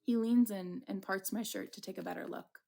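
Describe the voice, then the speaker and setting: A woman's voice: mid-range voice, fairly quick, vocal fry, a little mellow. A woman voicing a wounded, lovestruck man with playful bravado in a dramatic visual novel reading. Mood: smitten.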